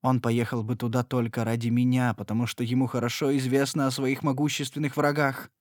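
A man's voice: medium pitch, level tone, a little fast, no room sound, studio quality, lightly acted. A man voicing a frightened young noblewoman who pleads tearfully and imploringly. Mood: pleading, distraught.

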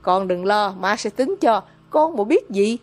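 A woman voicing a greedy, hot-tempered older village mother who scolds loudly and harshly in a storybook reading. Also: mid-range voice, expressive, a little slow, close to an everyday voice. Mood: scheming.

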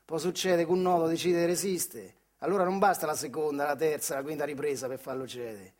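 Speaking a little fast with a steady tone on the high side, this man from the Marche, with his central Italian accent, performs a dramatic story in dialect. His theatrical monologue comes in short, emphatic, colloquial phrases.

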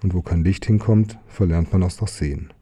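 Deep, dark-voiced man reading a storybook. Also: moderate pace, breathy edge. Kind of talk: reading a children's book aloud.

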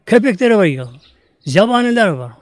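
A man preaching a sermon to his congregation, emphatic, telling stories and drawing out Arabic verses slowly. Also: high voice, sing-song, no room sound. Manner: addresses congregation repeatedly. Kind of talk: sermon with storytelling.

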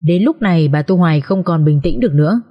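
A woman's voice: lowish voice, fast, highs cut off. Woman narrating an emotional drama. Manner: expressive, emotional reading. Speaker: audiobook narrator.

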